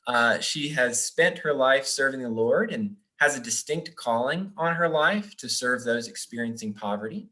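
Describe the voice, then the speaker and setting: Bright-voiced man hosting a webinar. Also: medium pitch, lively intonation, moderate pace, few pauses. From Japan. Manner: friendly, with frequent fillers. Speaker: webinar host, donor relations officer.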